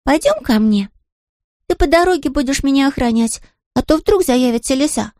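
Squeaky little chick girl. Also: animated, normal speed, a little mellow, no room sound, clean studio sound. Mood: friendly. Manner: eager questioning. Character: tiny fluffy yellow chick girl, curious and chatty.

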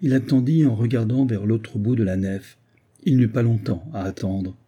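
A man narrating a classic novel in a measured literary reading. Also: on the low side, mellow. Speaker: audiobook narrator. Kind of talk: scripted narration.

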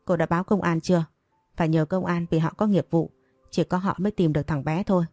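A woman's voice: on the low side, steady tone, fast talker, warm tone, dry recording, soft background music. A woman voicing a stern older grandmother who scolds sharply. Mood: scolding.

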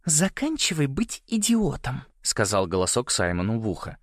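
A man's voice: medium pitch, huge pitch swings, moderate pace, no echo, clean studio sound, pitched above the performer's own voice. Ariana: a man doing a tiny snappish girl's voice. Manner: mocking and irritated. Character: tiny sharp-tongued girl whispering in an ear.

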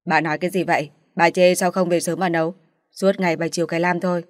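A woman voicing a gruff middle-aged father in a dramatized story, speaking firmly. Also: flat delivery, fast, no room sound, studio quality, natural voice. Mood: angry. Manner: firm, low and gruff.

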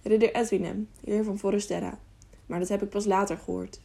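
A quiet, earnest teenage squire, as a woman reader gives him voice, speaking softly and modestly in a storybook. The voice is dark and mellow with a gravelly edge. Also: mid-range voice, steady tone, fairly quick, lightly acted.

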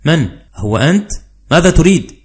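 Give an irritable wife woken at night a higher, sharp scolding tone, as a man reading puts her on. She snaps fast. Dramatized audiobook reading. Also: very animated. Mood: sleepy.

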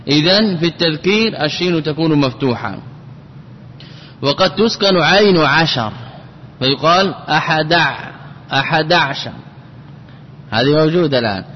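A man's voice: on the high side, expressive. Man teaching grammar, echoing hall. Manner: repeats words and phrases slowly to drill them. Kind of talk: recorded lesson explaining a grammar poem. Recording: dull lo-fi recording with long reverb and faint hum.

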